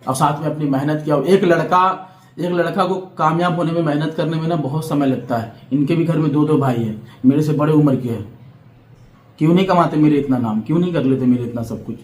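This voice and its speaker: Brief: young vlogger, defiant and lecturing, voice sits a bit high, echoey room. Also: male voice, a little fast, darkish tone. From Bihar, India. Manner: defiant and lecturing, keeps asking "understood?". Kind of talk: heated vlog monologue to camera.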